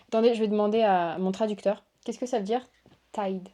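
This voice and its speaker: A woman's voice: mid-range voice, fairly even intonation, brisk, warm tone. A woman hosting a casual unboxing chat, gushing and exclamatory as she shows cards to her viewers. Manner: gushing, exclamatory, lots of waouh and oh là là. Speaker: tarot reader and channel host.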